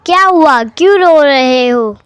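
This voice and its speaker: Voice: sits high, expressive, measured pace, no room sound, studio quality. A storyteller doing a kind river fairy. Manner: gentle, helpful. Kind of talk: storybook narration.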